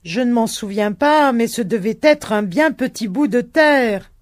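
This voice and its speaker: A reader voicing a blunt male peasant who answers his old companion in loud, brusque replies. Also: medium pitch, lively intonation, measured pace, dry recording, clean studio sound, voice pushed up, natural voice.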